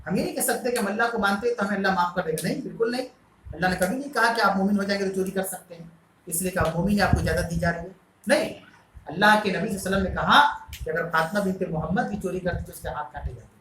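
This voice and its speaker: A Quran teacher explains verses in a bright, clear-edged voice. Arabic lines are recited slowly, followed by explanation and questions to the class. The sound is roomy and echoing. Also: medium pitch, slight background noise.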